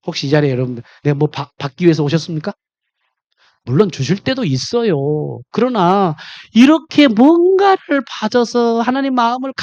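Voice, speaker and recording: A male pastor preaching a sermon, quizzing the congregation directly and swinging between loud emphatic lines and low confiding ones. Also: no echo.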